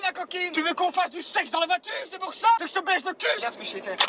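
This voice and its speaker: A man putting on a crude, hot-headed character who swears and yells insults at other drivers, in a moving car. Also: very high voice, animated, very fast. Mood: ranting. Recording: car and road noise.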